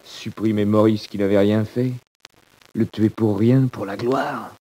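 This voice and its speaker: A man's voice: lowish voice, fairly even intonation, measured pace, mellow. An actor playing a proud, weary, hardened male convict in a 1940s radio drama, grave and bitter.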